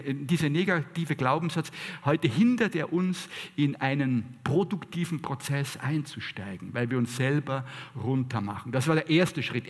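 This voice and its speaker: A man's voice: medium pitch, big-room sound. A man preaching a sermon, emphatic, repeating phrases and asking rhetorical questions.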